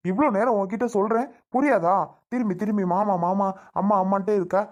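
An impatient father, played by a man, keeps lecturing his small daughter in rapid, irritated talk. He threatens her more and more as his patience wears thin. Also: high-pitched, steady tone, a little mellow, natural voice. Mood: exasperated. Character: stern, impatient young father.

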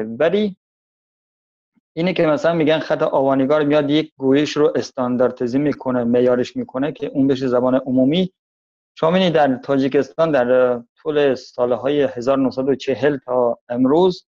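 A man from Tajikistan with a Tajik Persian accent, giving a thoughtful interview and slowing down to stress his points. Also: medium pitch, warm tone, dull audio.

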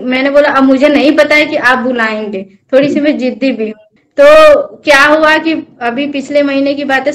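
A young woman earnestly recounting a personal devotional experience as an interview guest, telling it as a story. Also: high-pitched. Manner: earnest, storytelling, addresses host as bhaiya. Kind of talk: personal testimony in conversation.

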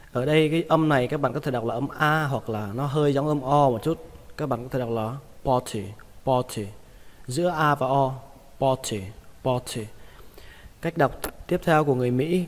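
A man teaching English vocabulary, repeating each word slowly and patiently. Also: mid-range voice, in a large hall. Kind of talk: vocabulary lesson.

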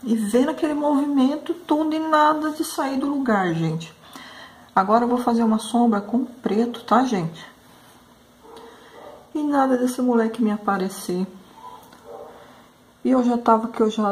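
A woman tells a story while she paints a craft tutorial, in a fairly high voice. She is emotional and full of exclamations, and she keeps turning to her viewers. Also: a little slow. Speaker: craft painter and channel host.

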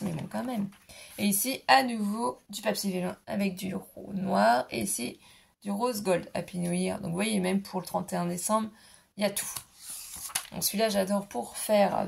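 A woman's voice: medium pitch, creaky, a little mellow, slight background noise. A woman vlogger showing off a scrapbooking haul in a casual, gushing way, her voice a bit worn. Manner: gushing, enthusiastic, repeats "trop mignon". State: voice going, clearing throat. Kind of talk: casual product haul show-and-tell.

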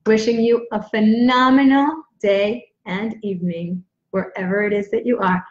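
A woman speaking coach gives motivational tips in an upbeat, emphatic way, leaning on key words. Her medium-pitched voice sits in a roomy, echoey space, and the sound is slightly dull and lo-fi. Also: fairly even intonation, moderate pace. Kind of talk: motivational tips straight to camera. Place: small indoor room at home.

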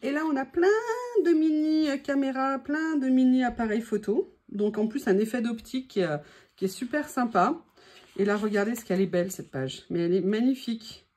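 Brisk and slightly mellow, a fairly high female voice belongs to a French crafting vlogger showing off craft papers. Her casual haul talk is enthusiastic but peppered with hesitations and fillers.

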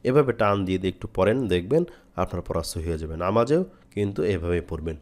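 A man from Bangladesh with a deep, darkish voice and lively intonation teaches Quran recitation step by step. He chants each phrase in a long, drawn-out way before explaining it in plain terms.

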